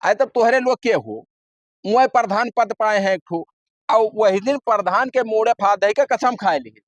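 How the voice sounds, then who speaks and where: A man's voice: high voice, normal speed, no room sound, close to an everyday voice. A man playing a long-suffering, protective old village father in a comedy skit, plaintive and insistent, with an Awadhi accent. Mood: earnest, defensive.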